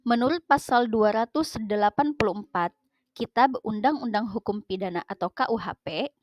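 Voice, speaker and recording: A woman, teaching a religious studies lesson in a slow, careful, scripted way. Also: a little high, no echo, poor audio. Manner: slow, careful, measured delivery with Quranic recitation.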